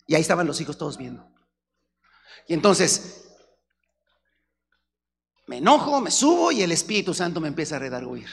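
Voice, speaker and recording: A man preaching a sermon with a Mexican Spanish accent, animated and acting out examples while addressing the congregation. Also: fairly high pitch, moderate pace, vocal fry, pauses often, husky. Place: church. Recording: reverberant church hall.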